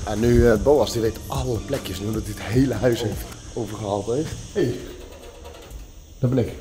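A man's voice: medium pitch, moderate pace, noisy background. A young man with a Netherlands Dutch accent, chatting casually with friends in blunt, slangy speech. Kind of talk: casual chat among friends. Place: large villa, indoors and on terrace. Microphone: handheld camera.

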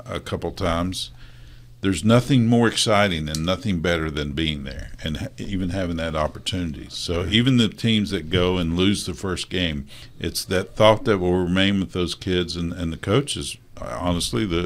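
Man, very deep voice, middle-aged, halting earnest speech, talk show guest. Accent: West Virginia. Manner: halting, restarts often, earnest storyteller. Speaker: teachers' union president, guest. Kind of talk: casual studio talk show interview.

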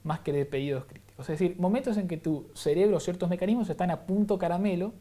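A man's voice: sits high, fast talker, warm tone. A man with a Rioplatense Spanish accent, explaining science as an interview guest, teaching with examples and frequent rhetorical checks. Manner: didactic, uses examples and rhetorical "¿no?".

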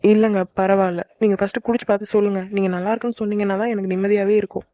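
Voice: mid-range voice, flat delivery, rapid-fire, warm tone, no echo, lo-fi sound, close to an everyday voice. A voice actor playing a sweet young wife in a cartoon who pleads eagerly with her husband. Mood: sweet, pleading. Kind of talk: cartoon voice acting.

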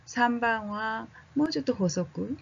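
Woman language teacher, casual and friendly, with a breathy voice on a muffled recording. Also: a little high, animated. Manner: speaks slowly, drawing out vowel drills and checking in with learners; casual and friendly, with fillers like "ano". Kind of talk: slow, gentle language lesson.

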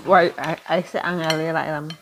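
A woman's voice: deep voice, little pitch movement, normal speed, a little hiss or hum. A woman, chatting casually in a home cooking vlog, teasing and scolding someone to finish eating. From Suriname.

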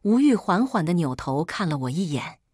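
A woman reads a first-person story aloud in a calm, measured way. Her voice sits a little low and has a breathy, husky grain. The sound is close and dry, with no room around it. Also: dry recording.

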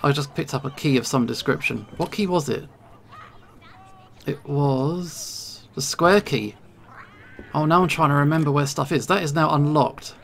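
A video game streamer narrates a let's play in a medium-pitched voice thick with gravelly fry, at a moderate pace and a bit bright. He sounds nervous and jittery, muttering to himself as he goes, with slight background noise.

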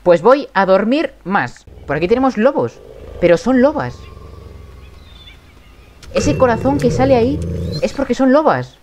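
A young man with a Spain Spanish accent, doing excitable game commentary and shouting at animals in the game. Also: extremely high pitch, a little slow, pauses often, noisy background. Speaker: gaming youtuber.

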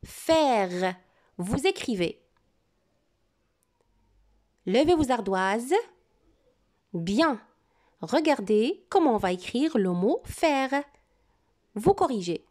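A woman teacher giving a French dictation to young pupils, repeating each word and syllable slowly and giving calm step-by-step instructions. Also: high voice. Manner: slow, deliberate dictation with words repeated clearly. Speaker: primary school teacher. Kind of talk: classroom dictation lesson.

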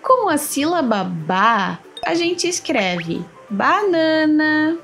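Female teacher for a kids' lesson: unhurried, carefully sounded-out words, bouncy pitch, light music underneath. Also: big pitch swings. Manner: slow, clearly spelled-out words with long pauses. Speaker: children's teacher. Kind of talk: slow syllable lesson for children. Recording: faint music behind. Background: soft background music.

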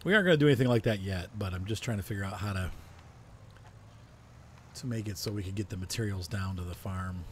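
A gaming video host talks casually through a farming simulator playthrough, thinking aloud with frequent fillers. His voice sits low, and there is a little hiss or hum in the audio.

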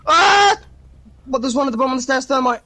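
A man's voice: extremely high pitch, very fast, no room sound. A young man calling out shots and bossing his team around during a shooter game. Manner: bossy, excitable callouts. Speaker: gamer, self-named captain. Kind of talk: casual gaming banter.

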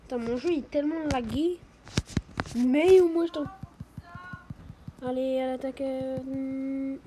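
A woman commentating her own online game as channel host, excitable and swearing when things go wrong. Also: high voice, measured pace. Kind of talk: live gameplay commentary. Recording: noisy home recording with clicks.

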